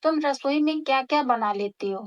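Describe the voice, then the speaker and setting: A woman's voice: high voice, normal speed, highs cut off, heavy background noise, natural voice. A woman voicing a bossy middle-aged mother-in-law who lectures in a commanding way.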